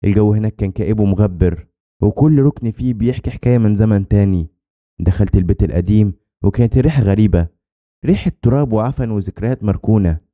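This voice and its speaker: A man with an Egyptian accent telling a scripted horror story in a brisk, tense way. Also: fairly low pitch, mellow.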